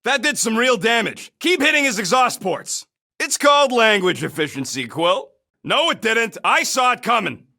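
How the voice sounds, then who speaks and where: A small, cocky raccoon mercenary from a video game. The voice sits high and swings widely in pitch, with a bright, punchy bite and a rough street-tough edge. He is irritable and sarcastic, tossing out brash, slangy barks. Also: big pitch swings, normal speed, full character voice. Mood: combative, urgent.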